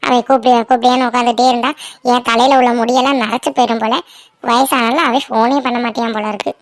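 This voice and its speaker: A woman's voice: a little high, level tone, fast talker, no room sound, pitched below the performer's own voice, natural voice. A woman voicing a young woman in a cartoon who worries over her boyfriend and comforts her friend. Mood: fretting. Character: young woman in love, anxious and caring. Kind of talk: cartoon voice acting.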